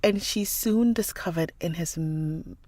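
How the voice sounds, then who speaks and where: Reading a novel aloud on her livestream after warmly chatting with viewers and calling them darling, this woman sounds stuffy and nasal from a cold. Her voice is fairly low and unhurried, with no echo.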